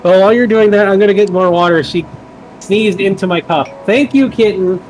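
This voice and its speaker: A man's voice: high-pitched, a little fast, a little mellow, faint music behind, rough recording. A man playing in a tabletop game, chatting casually and getting sidetracked. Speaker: player.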